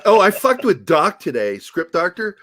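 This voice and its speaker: A man's voice: sits high, wildly swooping pitch, moderate pace, pushed and bright. A man hosting a podcast in casual chat, joking crudely and laughing often. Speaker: podcast host.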